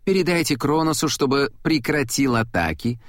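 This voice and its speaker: A man's voice: medium pitch, normal speed, no echo, clean studio sound, pitched above the performer's own voice, natural voice. A man voicing a defiant teenage boy who makes a bold demand.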